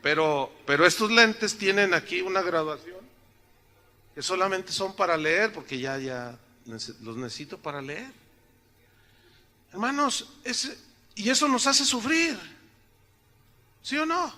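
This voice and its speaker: An older pastor preaches in a high, bright voice, his throat a little sore. He keeps the sermon conversational and joking and asks his congregation one rhetorical question after another. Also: lively intonation, measured pace, pauses often. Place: church sanctuary.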